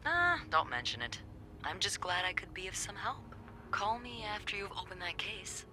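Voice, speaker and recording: In casual conversation, a young hotel receptionist from a mystery video game comes across as sardonic, playful, teasing and lively, as played by an actress with an expressive delivery. She speaks at a medium pitch and a moderate pace over a little hiss or hum.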